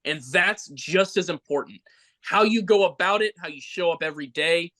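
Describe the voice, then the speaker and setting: A man's voice: high voice, moderate pace, a bit bright. A man hosting a podcast, giving earnest, heartfelt praise in casual chat. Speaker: podcast host.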